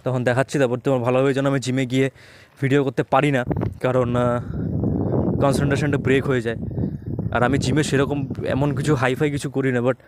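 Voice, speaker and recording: A man's voice: medium pitch, little pitch movement, brisk, pauses often. A young man, vlogging casually and enthusiastically while out on the streets, often slipping into English phrases. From West Bengal, India. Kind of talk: casual walking vlog. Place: outdoors on streets, partly at night. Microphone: handheld phone camera. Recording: loud outdoor street and wind noise.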